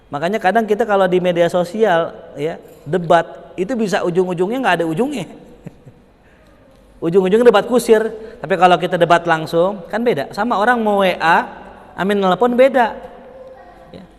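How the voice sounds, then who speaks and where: A young man giving an informal religious study lecture, animated and chatty, acting out little dialogues and chuckling between points. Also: normal speed, pauses often, long reverb tail. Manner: animated, acts out dialogues with big pitch jumps, chuckles often. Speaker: religious teacher.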